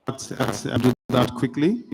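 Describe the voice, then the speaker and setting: A man hosting an exhibition event, calling presenters up briskly and hurrying them along over a microphone in an event hall. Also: mid-range voice, lively intonation, a little mellow, breathy edge. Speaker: event host. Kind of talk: event emceeing.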